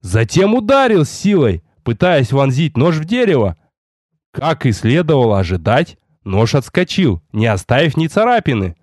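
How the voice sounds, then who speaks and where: A man narrating a first-person fantasy audiobook in an expressive storytelling manner. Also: medium pitch, normal speed, dry recording, clean studio sound. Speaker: audiobook reader.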